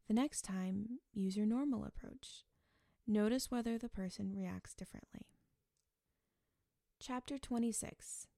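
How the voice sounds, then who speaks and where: Calm woman narrator with gravelly fry. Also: mid-range voice, no echo, studio quality. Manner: calm, measured, gently explanatory. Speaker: author reading her own book. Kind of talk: scripted audiobook narration.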